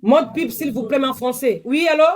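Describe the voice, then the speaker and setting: A woman runs a live-stream sales pitch into her phone. Her voice sits a little high, and she talks in a chatty, repetitive way, often pleading with her viewers. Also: brisk, a little mellow. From DR Congo.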